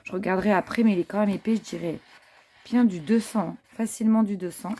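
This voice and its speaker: A French craft haul vlogger chats casually with viewers while showing off craft papers, full of fillers and admiring asides. Her voice is medium-pitched and quick, with a noisy background.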